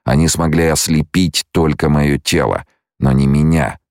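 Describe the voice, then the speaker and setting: A man reading an audiobook, voicing a blinded young male prophet-leader who speaks in a steady, commanding, measured way. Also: a bass voice, no echo, clean studio sound. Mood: calm.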